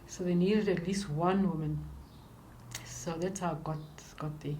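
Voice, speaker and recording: An older woman with a South African accent, speaking in a halting, reflective way as she recounts her life and work in an interview. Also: fairly low pitch, fairly even intonation, mellow, slight background noise.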